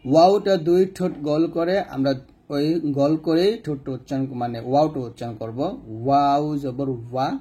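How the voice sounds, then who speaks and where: A man with a Bangladeshi Bengali accent teaching a step-by-step recitation lesson, repeating each rule and drilling letters slowly. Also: a little high, lively intonation, mellow, breathy edge. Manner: repeats rules and drills letters slowly, asks questions to the viewer. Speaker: Quran reading teacher.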